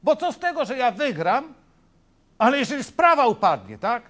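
A man's voice: very high-pitched, sing-song, moderate pace, a bit bright. A middle-aged man preaching a sermon as a pastor, emphatic and often turning to the congregation with short questions. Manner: emphatic, asks the congregation "tak?" and "wiecie?".

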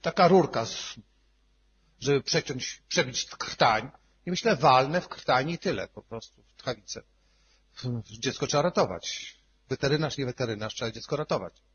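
A male pastor telling a personal testimony in a sermon, emotional, swinging between hushed and loud. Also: mid-range voice, animated, moderate pace, breathy edge, dull audio.

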